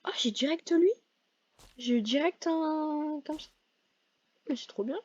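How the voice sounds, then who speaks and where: A woman's voice: high voice, measured pace, no echo, highs cut off. A woman giving casual, hesitant commentary over her gameplay, full of fillers and self-corrections. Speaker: gaming video creator.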